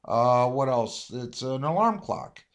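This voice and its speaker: Speaking slowly and expressively in a medium pitch, an American man reviews a product in a relaxed unboxing chat, hesitating and wandering as he thinks out loud. It's an amateur recording: roomy, dull, lo-fi, with a faint hiss.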